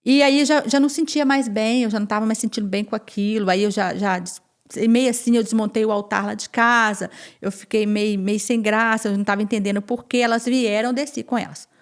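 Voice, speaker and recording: A woman guest on a podcast, telling her personal testimony in an animated way, repeating phrases and acting out what others said. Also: mid-range voice, fairly quick. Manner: animated, repeats phrases and acts out quoted speech.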